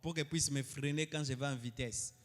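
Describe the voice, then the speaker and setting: A male pastor preaching a sermon, moving between loud, high outbursts and quiet asides. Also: fairly even intonation, fairly quick. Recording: long hall reverb.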